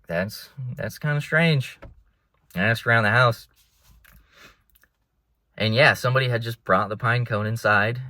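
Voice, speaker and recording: A young man vlogs from his car, rambling in a relaxed way and addressing his listeners as bro. His voice sits low with a sharp edge, and there's no echo in this casual, rambling monologue.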